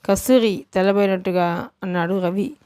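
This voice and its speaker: Woman, audiobook narrator, smooth clear voice, dry close mic, steady storytelling. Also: medium pitch, moderate pace, dry recording. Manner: steady storytelling with lightly acted dialogue. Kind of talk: dramatic novel reading, voicing all characters.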